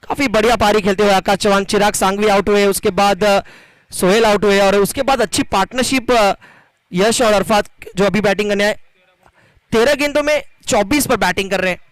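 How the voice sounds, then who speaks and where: A man gives live cricket commentary and announcements in a dramatic, flowery manner with drawn-out emphasis. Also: sits high, no room sound, low-quality recording.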